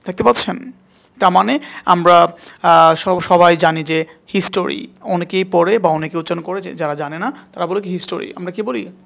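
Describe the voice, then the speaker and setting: A man's voice: sits high, normal speed, vocal fry, a bit bright. A man teaching a spoken English class, repeating words again and again to drill pronunciation and quizzing his student.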